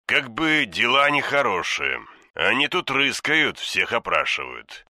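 A man voicing a gruff, blunt older police chief who grumbles and presses hard, in an audiobook reading. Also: mid-range voice, sing-song, unhurried, bright, forceful tone, no room sound, studio quality, heavily acted. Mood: grim.

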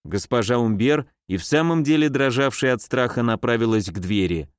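A man narrating a story with a steady, expressive reading. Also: medium pitch, a little fast, clear, resonant tone, no echo, clean studio sound. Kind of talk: audiobook narration.

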